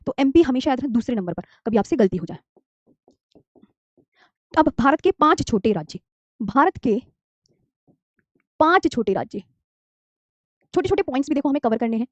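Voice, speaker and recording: Here a woman in her thirties gives a geography lesson at a moderate pace with long pauses, her high voice very animated. She coaxes the "dear children" to repeat the key terms she keeps saying, blending English words into Hindi. A dry, slightly dull lo-fi mic picks her up with no echo.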